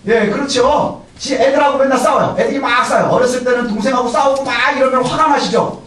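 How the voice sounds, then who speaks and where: High-voiced preaching man in echoey church. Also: fast, fairly bright tone, distant mic, soft background music. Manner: conversational preaching, asks questions and answers them himself; punctuates phrases with a short "예". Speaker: pastor. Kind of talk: sermon. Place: church sanctuary.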